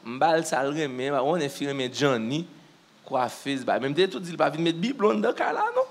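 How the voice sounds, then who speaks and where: A man's voice: on the high side, moderate pace. A man preaching in church, telling a story and acting out what people said to him. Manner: animated storyteller who acts out what people said. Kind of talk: storytelling sermon testimony.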